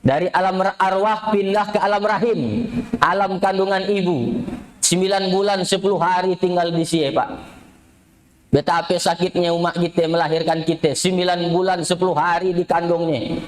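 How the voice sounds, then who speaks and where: A male preacher giving a humorous sermon at a mosque gathering, telling lively stories and acting out the voices he quotes. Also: high voice, normal speed, poor audio.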